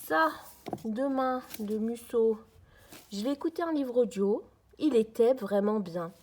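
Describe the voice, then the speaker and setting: A woman's voice: a little high, measured pace, darkish tone. Chatty woman vlogging at home. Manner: chatty, friendly, addresses viewers as friends. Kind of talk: casual chat to camera. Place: at home, sitting on the floor. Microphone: camera on a tripod, mic on the far side.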